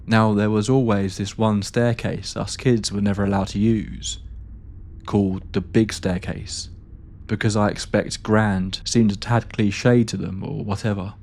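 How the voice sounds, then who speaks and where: Man, lowish voice, scripted ghost-story narration, steady measured delivery.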